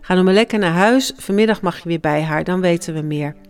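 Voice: medium pitch, brisk, smooth, natural voice. A narrator voicing a brusque male surgeon. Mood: reassuring. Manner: brusque, reassuring. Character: hurried male hospital surgeon. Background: faint music.

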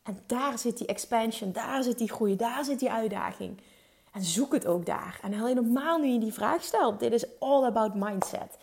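Brief: female business coach, fairly high voice, emphatic motivational delivery, English catchphrases mixed in. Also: moderate pace, vocal fry, a little mellow. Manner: emphatic, peppers her talk with English phrases. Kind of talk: motivational monologue.

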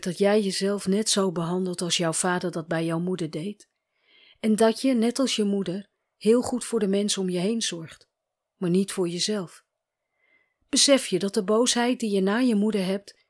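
A woman reads a scripted first-person story in a calm, gentle voice at a mid pitch. She speaks as a coach, often turning to her listener with soft, probing questions. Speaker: narrator and coach.

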